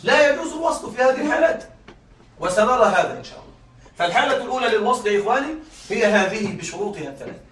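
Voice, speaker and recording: A man teaching a class, often checking that students follow, repeating key points and reading examples slowly. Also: high voice, lively intonation, a bit bright, echoey room, distant mic. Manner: reads examples slowly and deliberately. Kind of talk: classroom lecture.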